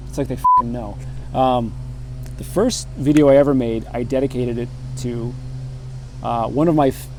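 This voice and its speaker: A man hosting his bonsai channel, reading a long casual list of shout-outs in a laid-back, joking way with the odd curse word. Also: mid-range voice. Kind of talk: casual shout-out roll call.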